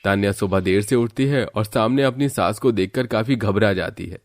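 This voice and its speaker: Male narrator, low voice, plain scripted storytelling. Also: normal speed, no echo.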